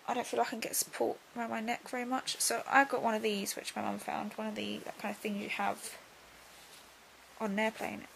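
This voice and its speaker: A young woman talking casually in a video diary, subdued and drowsy as she recovers from surgery, her voice creaky and breaking into breath. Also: a little high, little pitch movement, brisk, a bit bright, slight background noise, rough recording. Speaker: vlogger.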